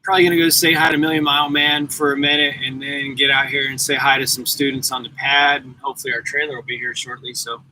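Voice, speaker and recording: A man's voice: medium pitch, flat delivery, fast talker, hardly any pauses, sharp tone, a little hiss or hum, low-quality recording. A man in his forties, a truck driver chatting casually and rambling to viewers on a live stream from his parked truck at the yard. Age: 40s. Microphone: laptop mic.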